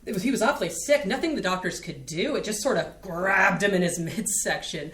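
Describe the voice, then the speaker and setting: This woman's mid-range, slightly bright natural voice moves briskly with lively intonation as she plays a cool, scornful woman shielding her friend. It's a staged play reading, delivered dry and pointed, with roomy stage acoustics.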